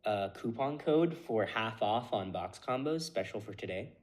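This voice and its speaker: A man's voice: on the low side, animated, normal speed. A man ordering food at a drive-through, talking casually as a customer, heard in a demo clip played back from a distance.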